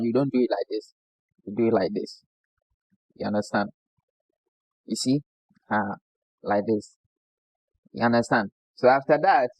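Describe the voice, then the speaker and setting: A man's voice: mid-range voice, darkish tone, no echo, poor audio. A man from Ghana with a Ghanaian English accent, a barber giving a casual hands-on demo who keeps asking "you understand?". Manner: repeats "you understand?" as a constant check-in.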